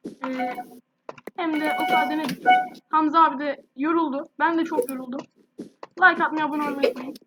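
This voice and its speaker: High pitched woman gamer, sore scratchy throat, chatty, hissy home mic. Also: fairly even intonation, fairly quick. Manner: chatty, addresses viewers directly. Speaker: gaming youtuber. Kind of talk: casual gameplay commentary.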